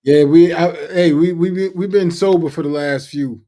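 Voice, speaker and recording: A man's voice: a little high, fairly even intonation, moderate pace, warm tone. A man who hypes up casual banter by repeating his phrases. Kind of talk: casual chat.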